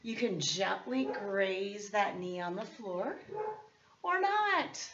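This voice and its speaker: A woman leading instructional workout talk as a fitness coach, chatty and encouraging, with a hoarse voice that is partly lost. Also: mid-range voice, very animated, slow pace, fairly bright tone, distant mic, slight background noise. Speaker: fitness instructor and program host. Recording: dull, lo-fi sound.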